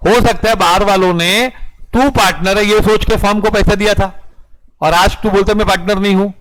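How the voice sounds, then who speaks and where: A male law lecturer with a high voice gives an animated classroom lecture in Hindi mixed with English, drilling students with rhetorical questions and dictating definitions slowly in English. The audio quality is poor.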